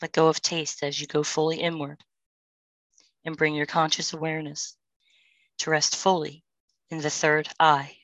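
Woman guiding a prayer meditation, low steady voice, dry close sound. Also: no room sound, poor audio. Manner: slow, soothing, calm instructions with pauses. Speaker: meditation guide.

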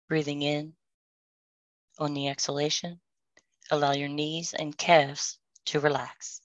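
Low, flat, calm woman guiding meditation. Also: dry recording, muffled recording. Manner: slow, soothing, calm instructions with pauses. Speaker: meditation guide.

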